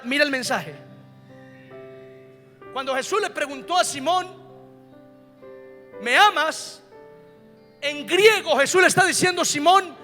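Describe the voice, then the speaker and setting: A pastor preaching emphatically, repeating key words and asking the congregation questions. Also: male voice, very high-pitched, sharp tone, long reverb tail. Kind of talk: sermon.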